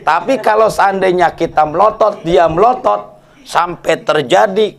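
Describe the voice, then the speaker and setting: A man preaching, his voice high and gravelly. He jokes in street slang and keeps checking that his listeners agree. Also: unhurried. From Indonesia. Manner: jokey, colloquial, asks audience for agreement. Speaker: Islamic preacher. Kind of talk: casual mosque study sermon.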